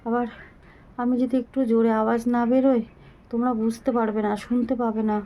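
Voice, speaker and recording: A middle-aged woman talking slowly and haltingly to her viewers into a phone camera, weak and short of breath. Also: a little high, level tone, warm tone, slight background noise, low-quality recording. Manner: slow, halting, pleading. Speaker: vlogger. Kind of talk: casual talk to viewers.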